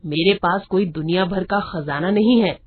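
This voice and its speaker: Cartoon young man, voiced by a woman: husky, curt, mid-pitched, tinny sound. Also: moderate pace. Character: selfish young man, a grown son.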